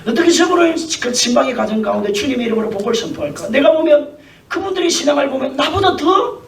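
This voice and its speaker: A man's voice: very high voice, fast, far from the mic. A male pastor preaching a dramatic sermon in a church sanctuary, often asking questions of the congregation. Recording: echoey church hall, mic from afar.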